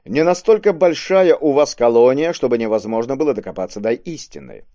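A man voicing a stern, commanding male police inspector in an audiobook, gruff and scolding. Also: mid-range voice, very animated, brisk, dark tone, dry recording, clean studio sound. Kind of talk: audiobook character voice.

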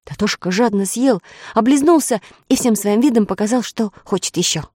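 Expressive woman storybook narrator. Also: on the high side, normal speed, dry recording, studio quality. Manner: expressive, rising with excitement. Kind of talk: storybook reading.

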